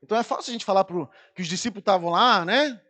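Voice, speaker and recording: Brazilian pastor, very high male voice, animated storyteller who acts out scenes from the pulpit. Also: very fast. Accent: Brazilian Portuguese. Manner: lively anecdotes, acts out screaming people. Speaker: preacher. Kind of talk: storytelling sermon.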